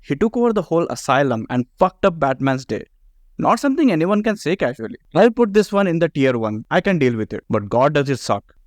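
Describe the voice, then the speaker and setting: A male video game commentator narrates a scripted ranking with sarcastic, profane bite. His voice sits slightly high. The sound is dry and close, with no room around it. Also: sing-song, a little fast, no room sound.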